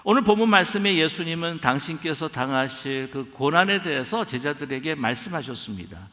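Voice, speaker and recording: A man's voice: a little high, a bit bright, big-room sound. A man preaching a sermon as pastor, emphatic and acting out quoted lines. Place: church sanctuary.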